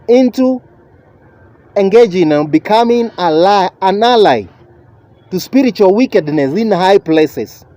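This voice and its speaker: High-pitched man lecturing slowly, sermon-style. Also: mellow. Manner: lecturing, emphatic, deliberate phrasing with repetition. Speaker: preacher.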